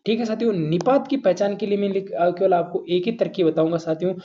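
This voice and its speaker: Mellow man teaching grammar. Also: high voice, fast talker, muffled recording. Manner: addresses students as "saathiyon", asks and answers his own questions. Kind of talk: exam-prep lesson.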